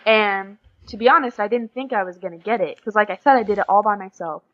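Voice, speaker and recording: A muffled clip of a teenage American girl, an exchange student from a small Oklahoma town, talking quickly in a medium pitch. As an interview guest she keeps things casual and informal, leaning heavily on "like."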